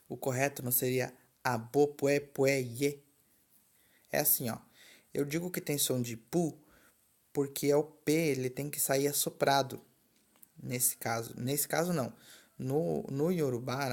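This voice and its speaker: A man teaching a language lesson, slow and patient, saying each word twice. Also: medium pitch.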